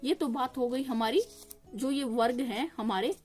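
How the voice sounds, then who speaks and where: Higher-voiced woman teaching a grammar lesson. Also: a little mellow, faint music behind. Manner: explains patiently, asking and answering her own questions; sounds out each consonant slowly for listeners to repeat. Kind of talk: exam-prep grammar lesson.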